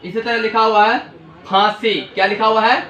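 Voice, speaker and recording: Man, language teacher, high bright voice, repeats his own questions, echoey room. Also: little pitch movement, moderate pace. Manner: repeats questions and answers them himself. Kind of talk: classroom lesson at a whiteboard. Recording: echoey room with faint hiss.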